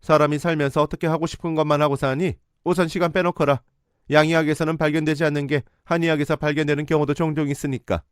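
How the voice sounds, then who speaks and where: A man's voice: fairly high pitch, fast talker, clean tone, no room sound, studio quality, voice pushed up, lightly acted. A man voicing a domineering middle-aged mother who scolds imperiously.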